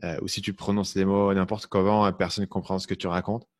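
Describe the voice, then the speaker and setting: Very deep-voiced man, mixed French accent. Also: level tone, a little fast, a little mellow, no room sound, studio quality. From France. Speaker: podcast host. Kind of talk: casual interview chat.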